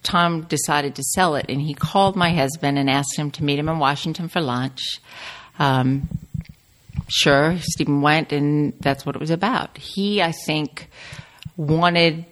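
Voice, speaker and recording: A woman's voice: deep voice, measured pace. A middle-aged woman from rural Virginia chatting casually as an interview guest, telling personal stories in a rambling way that wanders into tangents. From rural Virginia, United States. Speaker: guest, home cook and cookbook author.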